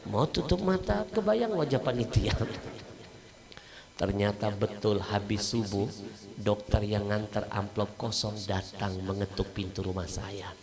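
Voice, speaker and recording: A man's voice: fairly low pitch, a little slow, gravelly. A man preaching a storytelling sermon at a religious gathering, with a Malaysian Malay accent, animatedly acting out the voices of the people in his story. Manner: animated, acts out voices of mother and others. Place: religious gathering with a live audience.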